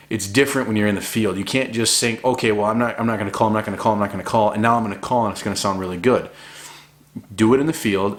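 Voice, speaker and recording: Low-voiced guy giving casual tutorial. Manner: laid-back, informal and encouraging. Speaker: hobby hunter giving a duck calling tutorial. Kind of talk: casual instructional talk.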